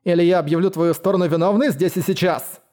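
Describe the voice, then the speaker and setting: Icy stern lady of the house, commanding, man reading her, mellow slightly high voice. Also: fast, close to an everyday voice. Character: cold commanding woman, steward of her estate.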